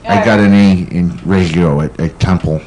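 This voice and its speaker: A man's voice: sits low, fairly even intonation, normal speed. A man who works as the station engineer, joking around on a live radio show in a goofy, self-deprecating way. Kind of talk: playful radio banter. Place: radio studio with cast around. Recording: noisy studio with crowd chatter.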